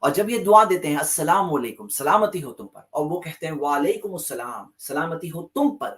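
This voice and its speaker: A man's voice: fairly high pitch, lively intonation, normal speed, fairly bright tone. A man giving a religious lecture, emphatic and repeating key phrases for stress, with English terms mixed into his speech. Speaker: Islamic lecturer.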